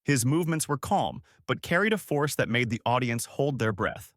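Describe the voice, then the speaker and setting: A male narrator delivering a dramatic scripted story. His voice sits at an average pitch. The sound is dry and close, with no room echo. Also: lively intonation, moderate pace, a bit bright.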